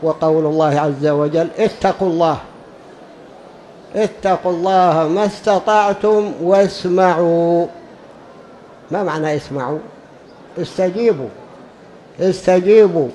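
Emphatic high-voiced male preacher. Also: unhurried, pauses often, dark tone, a little hiss or hum, low-quality recording. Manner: emphatic, repeats key phrases for stress; drawls words out when demonstrating pronunciation. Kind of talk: religious lesson.

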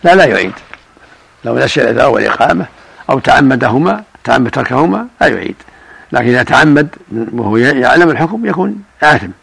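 An older man, a religious scholar, answering questions in a measured, explanatory way. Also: mid-range voice, lively intonation, vocal fry, fairly bright tone, husky, no room sound. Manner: measured, explanatory, chants call-to-prayer examples.

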